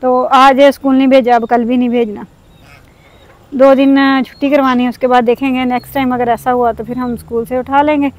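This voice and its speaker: Brief: high-pitched woman in her thirties, aggrieved, earnest vlog talk, recorded outdoors in a village. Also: little pitch movement, a little fast. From Pakistan. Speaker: vlogger.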